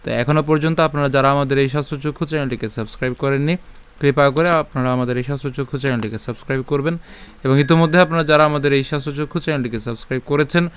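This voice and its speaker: A man teaching a Sanskrit verse syllable by syllable. He asks questions and answers them himself, repeating each sound slowly. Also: medium pitch, fairly even intonation. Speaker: Gita recitation teacher. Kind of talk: slow syllable-by-syllable Sanskrit pronunciation lesson.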